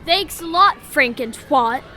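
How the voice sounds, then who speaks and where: A man's voice: extremely high pitch, lively intonation, slow pace, bright, forceful tone, voice pushed up, full character voice. A bratty, foul-mouthed little boy. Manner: whiny, fake-sobbing, bratty. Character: foul-mouthed grown man stuck as 8-year-old boy. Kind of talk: comedy table read.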